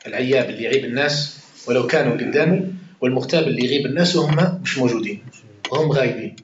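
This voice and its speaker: In an informal Quran commentary lesson, an Algerian Arabic-accented teacher talks very fast in a mid-range voice, bantering with listeners, swearing oaths and confirming they understand. The lo-fi recording sounds roomy and dull, with a little hiss or hum.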